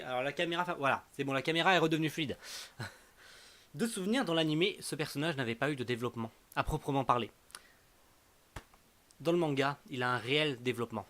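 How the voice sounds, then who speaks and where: A man's voice: fairly high pitch, a bit bright. A young man casually reviewing the month's manga to camera, rambling with many fillers and teasing his viewers.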